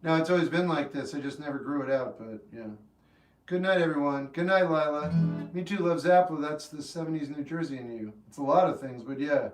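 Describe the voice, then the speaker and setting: A man in his fifties hosting a livestream, chatting casually with viewers in a relaxed, rambling way that turns earnest when he gives advice. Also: on the high side, a little fast. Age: 50s. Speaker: livestream host. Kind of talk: casual chat answering live chat. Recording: roomy echo, mic at a distance, faint guitar music.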